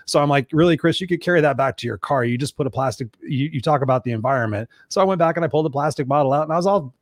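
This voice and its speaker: A man's voice: on the high side, racing, no room sound, clean studio sound. A man in his fifties hosting an interview, joking and chatty, sometimes talking to himself. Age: 50s. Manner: joking, talks to himself, casual swearing. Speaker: host. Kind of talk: casual interview conversation.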